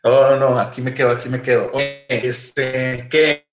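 Un hombre con acento mexicano, comentarista deportivo conectado por internet, con una llamada que se entrecorta. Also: male voice, medium pitch, flat delivery, a little slow. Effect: internet call dropping out and cutting in and out. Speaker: sports commentator joining remotely. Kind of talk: casual sports talk. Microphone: remote internet call. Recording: echoey, distant, breaking internet call with faint music.

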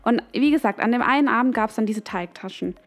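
A young woman telling a personal story in a chatty, animated way, full of slang and fillers. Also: on the high side, a little fast. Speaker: vlogger. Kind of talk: casual storytelling to camera.

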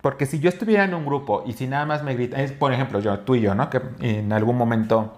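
Young Mexican man, podcast co-host, medium pitch, chatty storyteller who restarts his sentences. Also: quick pace. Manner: rambling storyteller with many fillers and restarts. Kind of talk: casual chat.

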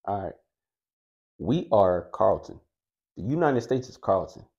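A man's voice: fairly low pitch, sing-song, a little slow, darkish tone, muffled recording. A man co-hosting a podcast in casual chat, pushing back and arguing his own point. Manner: argumentative, pushes back. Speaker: podcast co-host.

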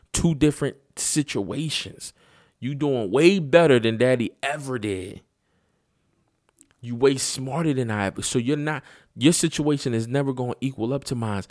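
A man's voice: mid-range voice, a little mellow, no room sound, studio quality. A sleepy man rambling profanely in a casual late-night monologue from his room, repeating himself as he talks. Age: adult father. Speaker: host.

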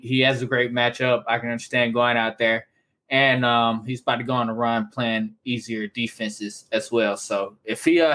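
Bright-toned man breaking down fantasy football. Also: mid-range voice. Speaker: fantasy football podcast co-host. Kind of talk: casual sports chat.

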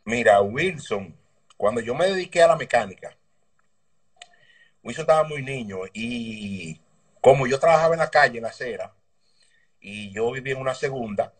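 A man with a Dominican accent, a mechanic telling stories from his past in a relaxed, rambling way in an interview over a video call. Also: mid-range voice, normal speed, long pauses. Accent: Dominican Spanish. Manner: relaxed, rambling anecdotes with slang. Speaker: guest, motorbike mechanic. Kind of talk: casual interview storytelling. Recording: distant video call audio.

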